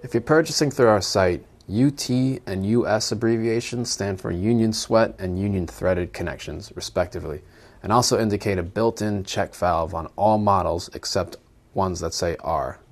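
A man's voice: sits low, moderate pace. Young man explaining plumbing parts. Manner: plain instructional delivery. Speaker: product presenter. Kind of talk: explainer video.

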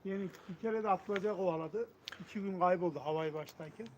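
A man's voice: high-pitched, fast talker, a little mellow, low-quality recording. A man chatting colloquially as a pigeon breeder answering questions. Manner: colloquial, addresses listener as mate or brother. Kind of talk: casual chat, answering questions. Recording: noticeable ambient background noise.

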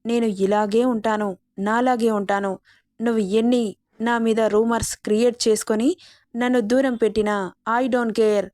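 A woman's voice: a little high, fairly even intonation, measured pace, darkish tone, dry recording, clean studio sound, lightly acted. A woman reading as a cold, arrogant young man. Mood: cold, menacing. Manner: menacing, dismissive. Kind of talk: storybook narration.

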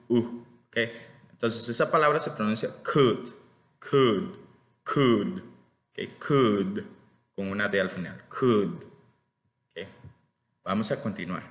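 A man from Costa Rica with a Costa Rican Spanish accent, teaching English vowel sounds slowly, repeating each sound and often checking in with his students. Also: mid-range voice, bright, forceful tone. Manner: slow, repeats vowel sounds and words many times. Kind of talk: pronunciation lesson. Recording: echoey room with long reverb.

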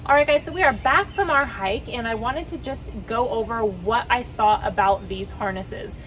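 A woman's voice: moderate pace, music in the background, poor audio. Chatty woman reviewing dog gear outdoors. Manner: chatty and upbeat, calls her dogs with high boop sounds. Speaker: dog trainer and vlogger. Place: outdoors, on a wooden deck by woods.

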